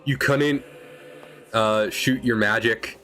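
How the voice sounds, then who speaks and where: A man's voice: lowish voice, steady tone, slow pace, fairly bright tone. A young man chatting casually while streaming a game, rambling and correcting himself as he talks. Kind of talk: casual gaming stream chat. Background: faint game music.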